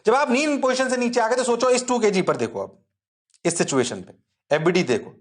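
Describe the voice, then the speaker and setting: A man teaching physics in a lively, jokey way, constantly checking that the class is following and sometimes answering his own questions in a low student voice. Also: brisk. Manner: jokey and self-mocking. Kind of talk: online exam-prep lecture.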